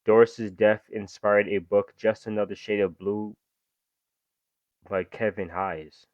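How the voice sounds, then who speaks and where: A young man who hosts reaction videos reads true-crime stories aloud, then breaks off into loose, slangy asides as casual commentary. His fairly low voice has fairly even intonation and a slow pace. The recording is dry and a little dull, like a home mic with the highs rolled off.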